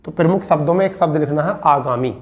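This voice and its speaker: A male teacher, his voice slightly higher than most men's, drills spelling in an online exam-prep lesson. He speaks, says each word twice and quizzes his students on it. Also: fast, darkish tone. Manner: addresses listeners as beta and bhaiya. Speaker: Hindi teacher.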